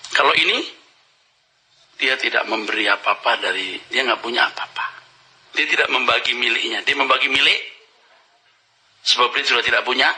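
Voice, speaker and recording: A man's voice: mid-range voice, sharp tone, low-quality recording. A male pastor preaching a conversational sermon, acting out little dialogues and dropping casual slang and English phrases.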